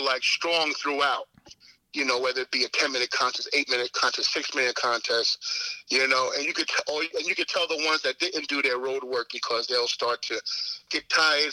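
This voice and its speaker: A man's voice: medium pitch, sharp tone, no room sound, rough recording. A man, talking casually as a guest in an interview, rambling with lots of "you know what I'm saying". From Queens, New York. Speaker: competitive eater guest.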